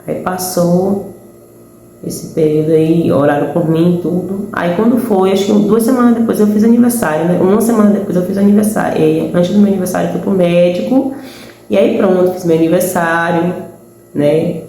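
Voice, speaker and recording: A woman's voice: fairly low pitch, fairly even intonation, moderate pace, dark tone, reverberant, slight background noise, poor audio. A woman with a Brazilian Portuguese accent giving an earnest, conversational religious testimony, speaking to listeners as brothers and sisters in faith.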